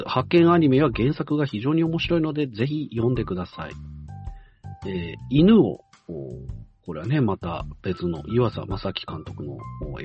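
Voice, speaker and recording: Man reading a letter, muffled. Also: mid-range voice. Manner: measured reading with frequent hesitant fillers. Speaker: radio-style show host. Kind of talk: reading a listener's letter aloud with side comments. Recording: muffled lo-fi recording, faint music.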